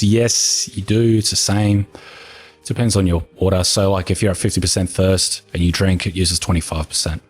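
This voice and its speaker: Answering viewer questions in a casual Q&A, a New Zealand gaming video creator speaks calmly, soothingly and without hurry. His very low, husky voice is a little hoarse, since he's been talking for over an hour, and his manner is relaxed and matter-of-fact. Soft music plays faintly underneath.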